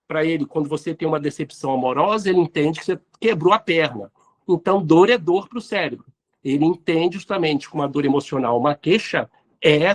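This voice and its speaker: A man, hosting and answering listener questions in an explanatory talk on neuroscience and spirituality. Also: a little high. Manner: didactic, addresses listeners directly.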